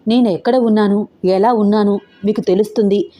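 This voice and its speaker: A woman voices a young schoolgirl in an audio story, steady and solemn, her tone mellow and low-key. She speaks with a firm, grave calm. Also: fairly quick, natural voice.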